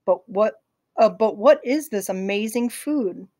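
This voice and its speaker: A woman's voice: medium pitch, lively intonation, dark tone. A woman voicing an earnest refugee boy. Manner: careful halting English.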